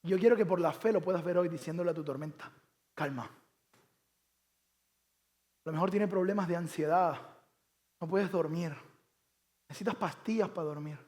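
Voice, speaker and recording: A man delivering a sermon with a notably high-pitched voice, animated and emphatic. He keeps pressing his listeners with rhetorical questions, and his voice rises and swells as he builds each point. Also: moderate pace, pauses often. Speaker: pastor.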